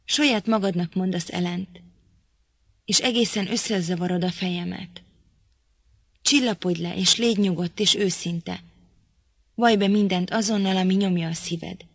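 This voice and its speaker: A woman's voice: fairly low pitch, pauses often, breathy edge, no room sound. A woman reading an audiobook, voicing a proud, impatient young woman who talks sharply and scolds. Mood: coaxing.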